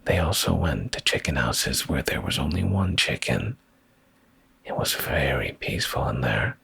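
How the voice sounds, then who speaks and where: Close to the microphone, a man gently narrates a bedtime story ASMR-style, his deep, breathy, gravelly voice often sinking into a whisper. Drowsy and soothing yet expressive, he reads at normal speed in a dry recording.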